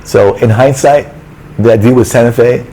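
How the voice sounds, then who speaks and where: A travel vlogger in a city apartment building rants in casual storytelling mode, his medium-pitched voice at a moderate pace. Exasperated and animated, he acts out a quoted back-and-forth. The recording is rough, with slight background noise.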